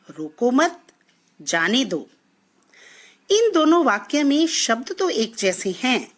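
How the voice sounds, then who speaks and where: A woman teacher giving a classroom lesson, explaining slowly and deliberately and working through example sentences. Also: a little high.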